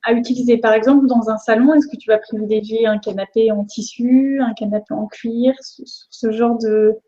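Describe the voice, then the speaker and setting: Mellow-toned woman hosting, muffled sound. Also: fairly high pitch, steady tone, normal speed. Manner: accommodating, recaps for the audience. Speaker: interviewer and host. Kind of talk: hosting a live Q&A interview.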